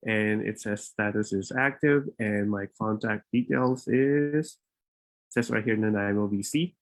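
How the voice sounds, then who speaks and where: A man's voice: lowish voice, measured pace. Casual man hosting a live webinar. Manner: informal, rambling, with frequent fillers and restarts. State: a bit out of breath. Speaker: immigration consultant and webinar host.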